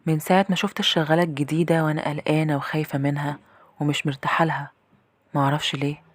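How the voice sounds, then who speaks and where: A woman's voice: deep voice, little pitch movement, rapid-fire, no echo. A woman with an Egyptian accent narrating a first-person horror story in a tense, confiding way. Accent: Egyptian Arabic.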